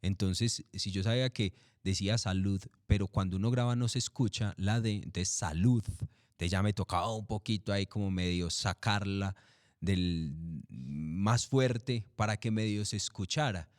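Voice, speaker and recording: A low-pitched man in his middle years talks through voice-over work in an interview. He is relaxed and repetitive, posing questions and answering them himself. The sound is close and dry, with no room around it. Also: normal speed, no room sound. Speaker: commercial voice-over artist. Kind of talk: interview, casual explanation.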